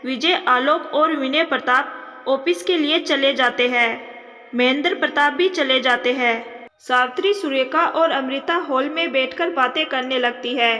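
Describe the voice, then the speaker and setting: A woman narrating a family drama story in a steady storytelling manner. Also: high voice. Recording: long reverb.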